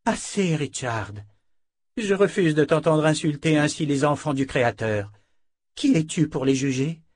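A man's voice: mid-range voice, moderate pace, no echo, studio quality, voice pushed up, close to an everyday voice. A man voicing a self-righteous young sorceress who lectures with indignation. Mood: indignant.

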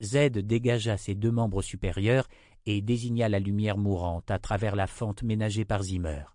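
A man reading a fantasy novel aloud as narrator, even and measured. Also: lowish voice, no room sound, studio quality. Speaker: audiobook narrator. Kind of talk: scripted narration.

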